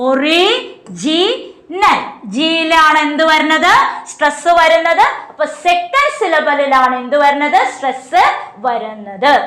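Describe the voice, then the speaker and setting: A woman teaching an exam coaching class. She poses questions and answers them herself, reading slowly and explaining quickly. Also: very high voice, fairly bright tone, roomy sound. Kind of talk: online class lecture.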